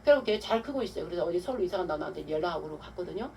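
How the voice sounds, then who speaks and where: A woman pastor giving a testimony-style sermon, telling her story with animated, acted-out quotes. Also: on the low side, very fast, creaky. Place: church hall. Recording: distant mic with faint room noise.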